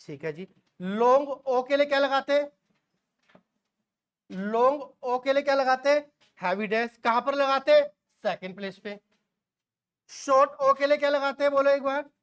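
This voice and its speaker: A man's voice: very high-pitched, normal speed, long pauses, fairly bright tone, dull audio. A man in his forties teaching shorthand, quizzing the class and answering his own questions, with folksy asides. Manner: homely asides and jokes. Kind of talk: classroom lecture.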